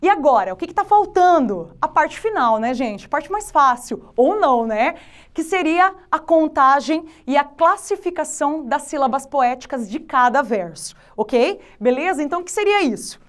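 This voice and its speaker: Brief: female literature teacher, Brazilian accent, high voice, patient step-by-step explainer. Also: animated, normal speed. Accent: Brazilian Portuguese. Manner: patient, explanatory, checks in often with tag questions. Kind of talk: online exam-prep lesson.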